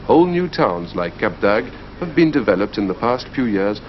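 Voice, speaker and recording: Lively male language-course presenter. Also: lowish voice, normal speed. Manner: clear, explanatory, lively delivery. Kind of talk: scripted educational narration. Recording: slightly muffled broadcast audio, faint hiss.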